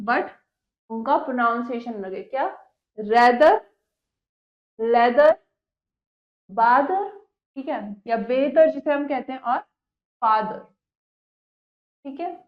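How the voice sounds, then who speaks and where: Woman teacher, unhurried, explaining a poem, roomy echo. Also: high voice. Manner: slow reads of English lines, quick Hindi explanations. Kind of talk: classroom lesson explaining a poem. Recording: echoey room, dull lo-fi sound.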